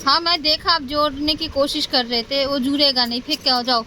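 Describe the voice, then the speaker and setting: A young mother talking at home at night in a family vlog, with a soft, soothing, hushed way of speaking. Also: sits high, flat delivery, brisk, slight background noise. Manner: soothing and hushed while comforting a child. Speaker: mother and vlogger.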